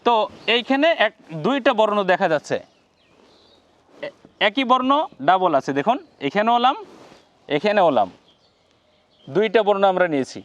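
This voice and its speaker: A man with a Bangladeshi Bengali accent teaching a slow, step-by-step Quran reading lesson, repeating each sound and speaking directly to viewers. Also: high-pitched, big pitch swings, a bit bright, lo-fi sound.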